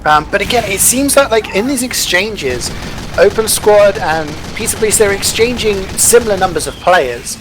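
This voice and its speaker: Male esports caster with a high voice, live play-by-play and analysis, noisy backdrop. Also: animated, moderate pace.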